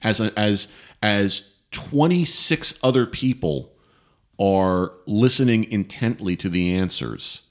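Man, thirties, very low voice, casual podcast talk, emphatic, lots of fillers. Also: slow pace. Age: 30s. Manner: emphatic, frequent fillers and restarts. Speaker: podcast co-host. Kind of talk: casual opinionated chat.

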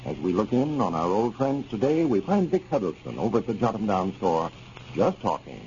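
A man's voice: on the low side, big pitch swings, a little fast, a little mellow. A man with an American accent speaks as an old radio announcer, reading scripted sponsor copy and story introductions in a folksy, hearty way. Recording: dull, faintly noisy old radio recording.

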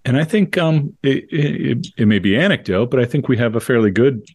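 A man co-hosting an academic discussion in a measured, analytical way. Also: mid-range voice, animated, a little mellow, no echo. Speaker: podcast co-host, college professor in New York.

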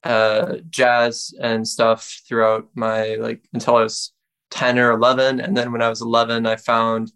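A young man from Wisconsin, a musician guest speaking in a relaxed, reflective way. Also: medium pitch, unhurried, smooth. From Wisconsin, United States. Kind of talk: casual interview talk.

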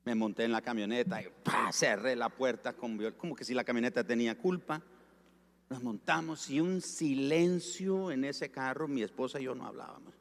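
A male pastor preaching a storytelling sermon, acting out the dialogue and slowing down for emphasis. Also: medium pitch. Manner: animated, acts out dialogue, slows for emphasis. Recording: long reverb of a large hall.

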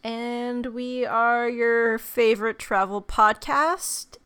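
Bright-voiced woman, slangy podcast chat. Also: fairly high pitch, fairly even intonation, takes it slowly, clear, resonant tone. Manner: sweary, slangy. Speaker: podcast co-host. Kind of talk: casual banter.

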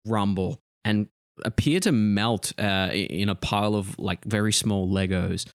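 Low-voiced man running a tabletop game. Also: a little slow, no echo, clean studio sound. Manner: casual, descriptive. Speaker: game master. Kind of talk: improvised tabletop game narration.

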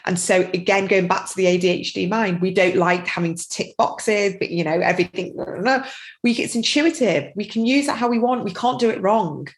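A woman's voice: mid-range voice, fairly quick, few pauses, low-quality recording. A middle-aged woman speaking as a podcast guest, chatty and rambling, with many "you know"s. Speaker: guest, tapping practitioner and parent. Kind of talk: casual podcast interview.

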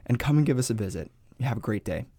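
A man's voice: mid-range voice, expressive, fast talker, warm tone, breathy edge, dry recording, studio quality. A man, a pastor co-hosting a church podcast, talking casually and upbeat about reaching people. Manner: upbeat, acts out quoted people in livelier voices.

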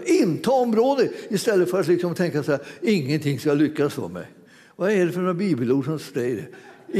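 A man's voice: on the high side, mellow. Laughing preacher man in a reverberant hall. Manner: chatty, laughing storyteller with many restarts. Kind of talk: sermon.

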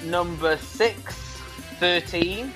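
A higher-pitched male host delivers a top-ten style countdown, calling out each rank and title in turn. Music plays clearly behind his voice. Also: drawn-out words, rough recording. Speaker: host of a TV review podcast. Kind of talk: top ten countdown, announcing ranked list.

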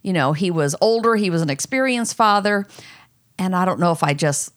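A middle-aged mother speaking candidly in a personal conversation, telling her own story earnestly and jumping high in pitch when she quotes herself. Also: animated, fairly quick.

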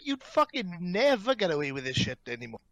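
A man's voice: sits high, very animated, a little fast, no echo. A man in his thirties reminiscing in casual chat, swearing constantly and talking in an emphatic, matey way. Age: 30s.

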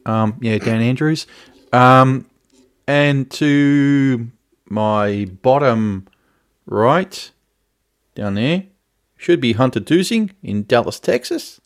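A man's voice: mid-range voice, animated, takes it slowly, long pauses, no room sound, clean studio sound. A man hosting a podcast in a loose, jokey way over a remote call. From Australia. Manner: loose, jokey, laughs often. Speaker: podcast host. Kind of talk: casual podcast chat.

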